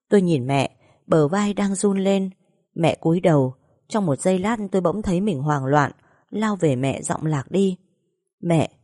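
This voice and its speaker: A woman narrating a sad first-person story in a somber, measured way. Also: on the low side, mellow, no echo, studio quality. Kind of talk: scripted audiobook narration.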